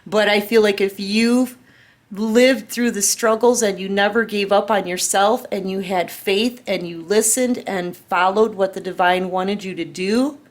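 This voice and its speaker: Earnest tarot reader in her fifties, a woman, mid-pitched, talks straight to her viewers and keeps checking in. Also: steady tone, a little slow. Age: 50s. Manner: earnest, repeats "okay?" and "right?" often. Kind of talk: casual spiritual reading to camera.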